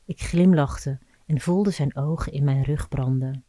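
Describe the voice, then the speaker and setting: A woman reading a scripted erotic story aloud in an intimate, measured storytelling manner. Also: very deep voice, mellow, no room sound. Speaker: narrator.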